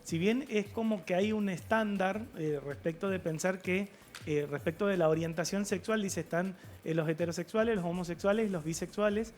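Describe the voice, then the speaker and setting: A man, a guest sexologist on a TV talk show, explaining things in a measured way with filler pauses. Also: high voice, faint music behind. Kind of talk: TV studio interview. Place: TV studio.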